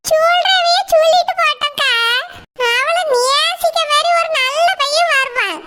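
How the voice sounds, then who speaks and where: A gentle cartoon woman, who soothes and reassures in measured words. The voice is pitched very high and sounds bright and sharp. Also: exaggerated voice. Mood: consoling. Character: calm consoling younger sister-in-law. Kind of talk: cartoon voice acting.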